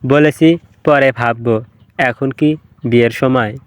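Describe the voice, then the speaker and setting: A man's voice: mid-range voice, fairly even intonation, slow pace, no echo, close to an everyday voice. A man voicing a weary, irritable young mother of three who snaps at her children. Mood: flat. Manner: sharp, irritable.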